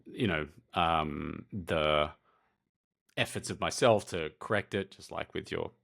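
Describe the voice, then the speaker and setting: A man co-hosting a casual podcast, speaking in a measured, reflective way with fillers. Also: low-pitched, creaky, a bit bright. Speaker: podcast co-host.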